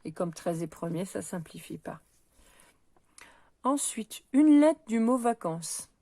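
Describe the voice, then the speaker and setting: A woman teaching a middle school math lesson, working through probability exercises out loud in a patient, step-by-step way with many small hesitations. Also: medium pitch, expressive, takes it slowly, creaky, no room sound. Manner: patient, talks while counting and pointing things out, frequent "euh" and "donc". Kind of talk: recorded lesson, correcting exercises aloud.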